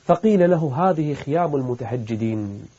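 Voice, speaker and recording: A man's voice: mid-range voice, lively intonation, moderate pace, dark tone, dull audio. A man preaching an emotional sermon, building to emphatic peaks and at times chanting scripture. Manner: impassioned, rising to emphatic peaks. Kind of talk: emotional sermon with Quranic recitation.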